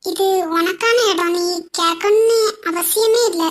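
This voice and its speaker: Woman doing a sweet young guy in love, gentle and teasing, very high voice, cartoon. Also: unhurried. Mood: tender. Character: tender young man in love, reassuring. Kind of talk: cartoon voice acting.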